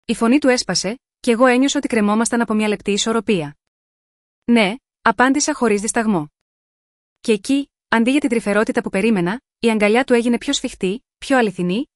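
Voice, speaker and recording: A woman's voice: on the high side, no echo, clean studio sound. Woman narrating a sensual romance story. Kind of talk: scripted first-person romance narration.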